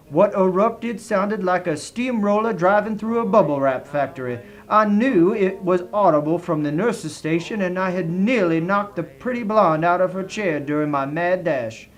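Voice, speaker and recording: Treating a comic review like a dramatic story, a Southern American man narrates with genteel theatrics in a fairly high voice. The recording is rough.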